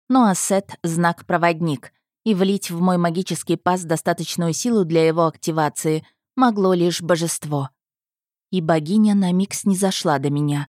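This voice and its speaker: Woman reading a fantasy audiobook, lowish voice, measured, dry close sound. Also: darkish tone, dry recording. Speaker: audiobook narrator. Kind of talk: first-person fantasy audiobook narration.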